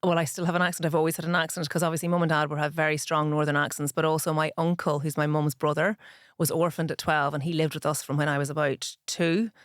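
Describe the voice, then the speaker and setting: Her voice is deep with little pitch movement and a quick pace, recorded dry at studio quality. This middle-aged pharmacist from Ireland, with a Northern Irish accent, is a frank, plain-spoken podcast guest who explains in detail over a conversational interview.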